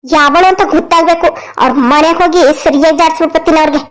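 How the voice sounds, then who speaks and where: A woman's voice: very high-pitched, steady tone, low-quality recording. Woman doing a fiery village mother-in-law. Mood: angry ranting. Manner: loud, fast, rustic threats and rants. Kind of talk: cartoon story voice acting.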